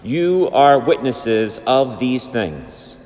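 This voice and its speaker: A parish priest from Brooklyn, New York, reading the Gospel and preaching a Sunday homily in an unhurried, plainspoken way, heard in a cathedral echo. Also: male voice, medium pitch, sing-song, a little mellow. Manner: unhurried, plainspoken, with casual fillers. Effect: cathedral echo, long church reverb. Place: large church sanctuary. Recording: long reverb in a large church.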